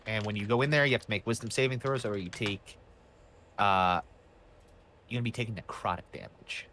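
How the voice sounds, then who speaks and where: A man's voice: on the low side, fairly quick, sharp tone, slight background noise. Guy dm-ing a tabletop game, chill and rambling, lots of ums. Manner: casual, many fillers and restarts. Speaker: game master.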